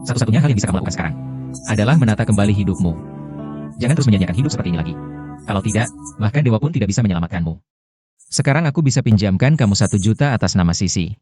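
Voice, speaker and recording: A man's voice: lowish voice, animated, very fast, pauses often, over music, lightly acted. A man dubbing a TV drama role: a stern young man who talks firmly and coldly, lecturing the woman he confronts. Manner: cold, firm, lecturing. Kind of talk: Indonesian dub of a TV drama.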